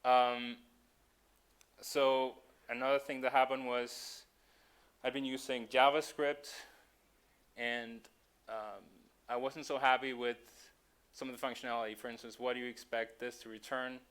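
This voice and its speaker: A man's voice: medium pitch, flat delivery, a little slow, a bit bright, smooth. A man from Denmark, giving a conference talk with frequent ums and self-corrections. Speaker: conference speaker.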